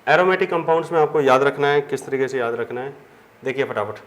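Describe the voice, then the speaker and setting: This chemistry teacher talks fast in a mid-range, slightly bright voice with fairly even intonation. Standing at a whiteboard, he explains each step, answers questions he raises himself, and refers to his students as children; faint background noise is audible.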